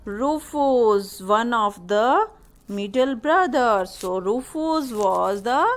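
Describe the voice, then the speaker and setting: A woman teaching a classroom lesson, explaining word meanings and asking students questions. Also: high voice.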